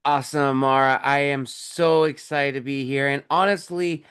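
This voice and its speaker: Enthusiastic young man with a smooth voice. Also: medium pitch, fairly even intonation, moderate pace, a bit bright. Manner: enthusiastic, explains at length with fillers. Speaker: author and podcast host, guest here. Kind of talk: casual interview talk.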